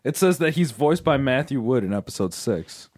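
A man's voice: medium pitch, very animated, normal speed, darkish tone, no echo. A man in a casual chat, reading out facts and puzzling over them.

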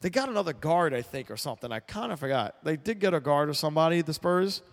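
A man runs a sports talk show in a somewhat high voice, fast and expressive, with blunt opinions. He rambles and keeps restarting and repeating words, all inside a long, echoing reverb.

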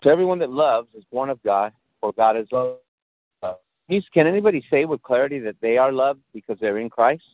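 A male pastor with an animated, mid-range voice preaches fairly quickly over a call, with no room sound. He repeatedly checks in with listeners and restarts phrases, all through a tinny line that breaks up.

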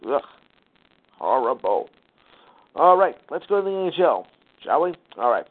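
A man's voice: a little high, big pitch swings. Man reading scores over a tinny phone line. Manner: rattles off numbers with fillers, sighs and quick asides. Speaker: sports talk show host. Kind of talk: reading scores and standings, casual commentary. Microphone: phone call line.

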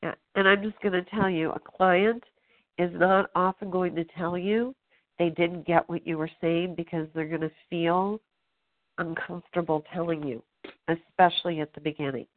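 Woman coach, direct and encouraging; lowish pitch, dry phone-line sound. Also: steady tone, moderate pace, no room sound. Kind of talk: coaching call conversation.

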